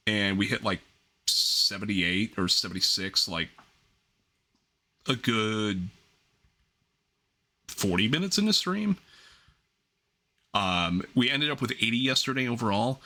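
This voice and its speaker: A man's voice: on the low side, pushed and bright. A man hosting a livestream in casual gaming chat, rambling and often interrupting himself as he gets sidetracked. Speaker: livestream host.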